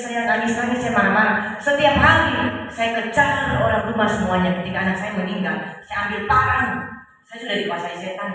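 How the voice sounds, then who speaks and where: A woman's voice: mid-range voice, a bit bright, slight background noise. A middle-aged woman preaching her testimony in a church hall, storytelling with emotion and voicing the people in her story. Her voice rings through a large room with long reverb and comes from some distance off the mic. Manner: emotional storytelling, acting out quoted cries. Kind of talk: sermon testimony.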